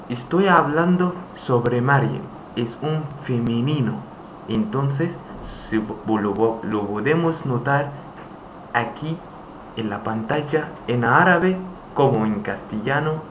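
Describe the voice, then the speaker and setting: A man teaching a lesson in a slow, halting way, repeating phrases for his students. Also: mid-range voice. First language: Arabic. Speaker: Arabic teacher. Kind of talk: screen-recorded language lesson. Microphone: voice-over on screen recording. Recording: echoey room, faint hiss.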